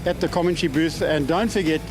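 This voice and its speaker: A man's voice: on the high side, quick pace. A man reporting live from the pit lane at a motor race. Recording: music under the voice. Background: music.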